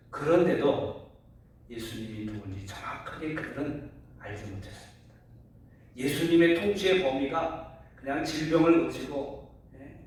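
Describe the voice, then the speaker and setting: A pastor preaching a Sunday sermon, speaking earnestly to his congregation and posing rhetorical questions. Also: medium pitch. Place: church sanctuary. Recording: very echoey hall, voice from far off.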